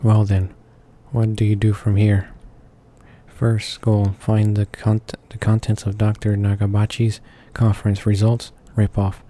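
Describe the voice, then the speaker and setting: Video game music accompanies a man reading visual novel lines as a let's player, occasionally fumbling words. He speaks fairly low, dark and monotone, at a slightly slow pace.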